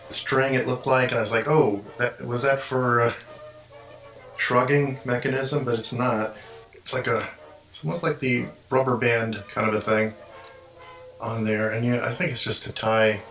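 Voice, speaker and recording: Male ventriloquist, low and bright-toned, casual rambling show-and-tell, roomy recording. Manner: rambling, explains as he handles the puppet. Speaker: ventriloquist and puppet collector. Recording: roomy echo, faint music behind.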